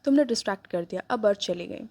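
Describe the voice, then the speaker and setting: A woman's voice: medium pitch, animated, quick pace, darkish tone, no echo. A woman voicing a defiant, easily irritated young woman who answers with sarcasm, in a dry-sounding recording. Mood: defiant, angry. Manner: snappish, sarcastic. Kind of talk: read-aloud story dialogue.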